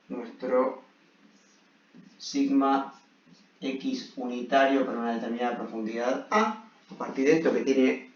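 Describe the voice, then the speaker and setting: A man giving an engineering lecture at a blackboard, explaining step by step with frequent check-in questions. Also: medium pitch. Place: echoey room at a blackboard. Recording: echoey room, muffled, distant mic.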